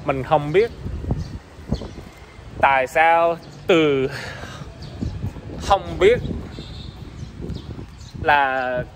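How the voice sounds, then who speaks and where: Speaking very slowly with long pauses in a slightly high voice, a twenty-something native English speaker tries out broken, accented Vietnamese on a casual walking vlog, repeating words as he searches. He holds the phone at arm's length on a street between apartment blocks. Wind and clear background noise fill the recording.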